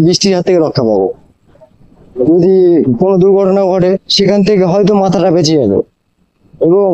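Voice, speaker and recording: A man's voice: high-pitched, mellow, clean tone, no echo, muffled recording. A man chats to viewers as a motorcycle vlogger, explaining and advising with repeated phrases, his voice enclosed inside a helmet. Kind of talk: casual riding vlog chat addressed to viewers. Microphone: moto vlogging helmet microphone.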